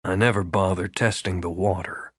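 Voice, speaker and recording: A narrator doing a terse, low-voiced man. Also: fairly even intonation, normal speed, husky, dry recording. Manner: low, clipped, understated delivery. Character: terse, steady adult man, quietly intense. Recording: dry close studio sound.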